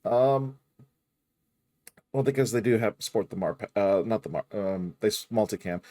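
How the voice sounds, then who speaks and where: A man hosting a gaming reaction video, excitable and swearing often as he talks over the clip. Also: fairly low pitch, normal speed.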